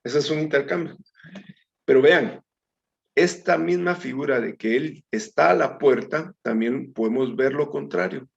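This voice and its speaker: A man's voice: fairly high pitch, a little slow, vocal fry. A man teaching a Bible study in a conversational way, calling his listeners brethren and reading scripture aloud. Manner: reads scripture aloud with small slips. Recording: dull lo-fi recording.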